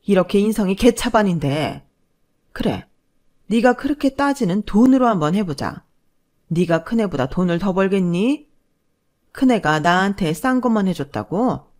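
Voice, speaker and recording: A woman voicing a furious older mother-in-law who scolds loudly in a Korean family story. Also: medium pitch, animated, normal speed, natural voice. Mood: indignant. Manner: loud scolding tirade.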